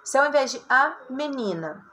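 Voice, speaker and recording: A woman's voice: sits high, lively intonation, normal speed, bright, forceful tone. Brazilian lady teacher, chatty, keeps checking in w/ students, bit of background hiss. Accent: Brazilian Portuguese. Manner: chatty, addresses students directly, lots of "tá?" and "ó". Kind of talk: recorded writing lesson.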